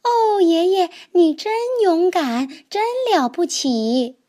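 A woman voicing an excitable little boy toad in a children's storybook. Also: takes it slowly, full character voice. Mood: excited. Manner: high, eager exclaiming.

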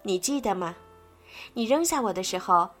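A woman voicing a kind, patient fairy who becomes a mother figure in a bedtime story, in a gentle way. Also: medium pitch, expressive, moderate pace, soft background music, close to an everyday voice.

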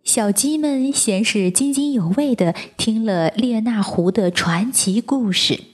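A woman narrating a children's picture book in a soft reading voice. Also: a little high, soft background music. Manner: slow, soft, breathy reading. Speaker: storyteller.

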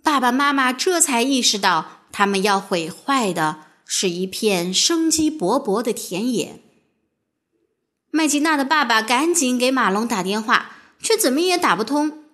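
A woman narrating a children's story with an expressive, sing-song storybook delivery. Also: fairly high pitch, unhurried.

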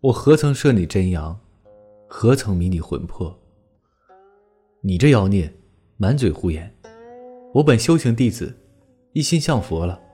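Voiced by a man, an indignant young monk from a storybook ghost tale, scolding in a raised and angry voice. The tone stays low and mellow underneath, with a faint guitar heard behind. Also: very animated, a little slow, long pauses, breathy edge, full character voice. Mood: furious. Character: young male Buddhist monk, frightened and indignant.

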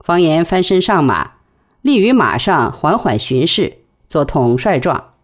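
Woman narrating a story audiobook, expressive, pitch all over the place. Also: unhurried. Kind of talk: novel reading.

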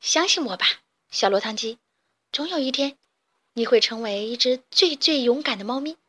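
A woman voicing a brave, bold little girl chick in a storybook, talking loudly and forcefully. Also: high voice, very animated, normal speed, voice pushed up. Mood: encouraging. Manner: loud, indignant shouting.

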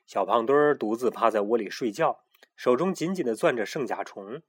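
一个男人在讲儿童故事，语气生动有表情。. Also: male voice, mid-range voice, a little fast, slightly rough. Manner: lively, expressive storytelling. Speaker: storyteller. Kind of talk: children's story narration.

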